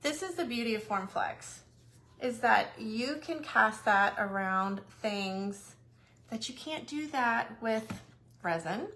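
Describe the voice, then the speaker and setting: A woman's voice: a little high, lively intonation, takes it slowly, sharp tone. A woman hosting a casual craft livestream, chatty and a little nervous, greeting viewers by name.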